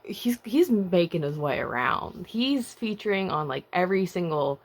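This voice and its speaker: A woman's voice: lowish voice, big pitch swings, moderate pace. A young woman reviewing K-pop releases in a casual vlog, chatty and self-mocking, with giggly asides. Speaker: K-pop vlogger.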